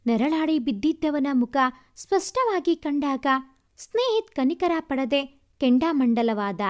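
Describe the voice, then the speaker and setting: A woman narrating a dramatic love story in an expressive storytelling manner. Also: sits high.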